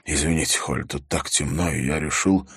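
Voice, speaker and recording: A man's voice: extremely low pitch, a little fast, a bit bright, slightly rough, dry recording, clean studio sound, exaggerated voice. Man doing a nervous, fussy theatre producer. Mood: anxious. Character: anxious tearful middle-aged male theatre producer.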